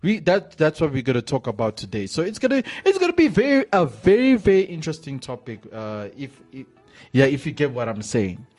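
A man hosts a casual radio sports show, warmly greeting listeners and his co-host and often repeating words and phrases for emphasis. His medium-pitched voice is animated, brisk, and darkish in tone. Faint music plays behind him.

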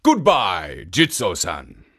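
A storyteller voicing a big, sly male ogre who speaks loudly and gruffly. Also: deep voice, huge pitch swings, takes it slowly, pitched below the performer's own voice, heavily acted. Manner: loud, sniffing, gruff.

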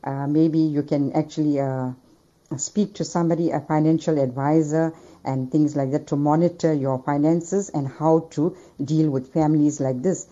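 A woman's voice: low voice, fairly even intonation, normal speed, warm tone. A woman leaving an earnest recorded voice message, giving advice with Islamic blessings, played back on air. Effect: voice message played over the radio. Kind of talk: recorded voice note read out as advice. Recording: dull lo-fi voice message.

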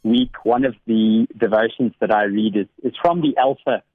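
Man, earnest storyteller, halting restarts, mid pitch, thin phone-line sound, dry. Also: dry recording. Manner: earnest storyteller, many small restarts, laughs easily. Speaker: radio guest, academic devotional speaker. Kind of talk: warm conversational devotional reflection.

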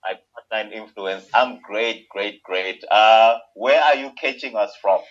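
A man hosts a podcast in a conversational style. His voice is fairly low and quite husky. It comes through slightly dull, lo-fi call audio. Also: measured pace, fairly bright tone. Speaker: podcast host.

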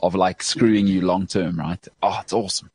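A man co-hosting in casual banter, quick and playful, stumbling over words as he restarts sentences. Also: low-pitched, steady tone, a little mellow, breathy edge. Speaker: co-host.

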